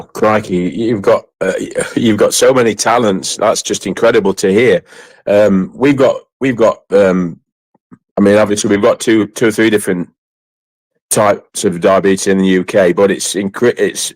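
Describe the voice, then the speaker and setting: Effusive, rambling man with a lowish voice. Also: steady tone, no echo, rough recording. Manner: effusive, rambling, halting with repeated phrases. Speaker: host of an online community chat. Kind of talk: casual interview chat.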